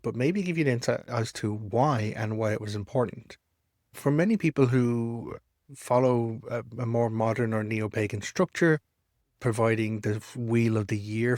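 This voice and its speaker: A man's voice: mid-range voice, no echo, studio quality. An Irish man giving an informal explanatory talk in a conversational storytelling manner, repeating words for emphasis. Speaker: storyteller and pagan teacher.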